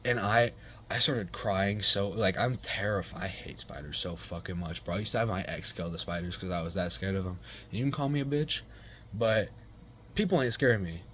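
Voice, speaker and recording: Low-voiced young man rambling a story. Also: a little fast, fairly bright tone, a little hiss or hum. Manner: rambling and profane, heavy slang and fillers. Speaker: vlogger telling a personal story. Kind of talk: casual storytelling.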